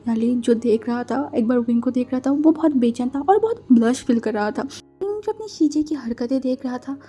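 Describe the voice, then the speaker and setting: Young woman narrator, casual storytelling, slightly husky and mellow voice. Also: high-pitched, moderate pace. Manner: casual Hinglish retelling, lightly voicing each character's lines. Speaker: fan fiction narrator.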